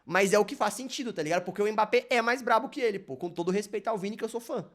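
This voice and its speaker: A man's voice: high voice, racing, a bit bright. A Brazilian man reacting live to a video, talking casually in a rambling, slang-heavy way. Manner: slangy, rambling, loaded with fillers like "mano" and "velho".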